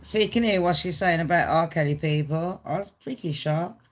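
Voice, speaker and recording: A woman's voice: on the low side, moderate pace. A woman hosting a live celebrity gossip stream, casual, blunt and sweary, talking straight to her viewers. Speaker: gossip channel host.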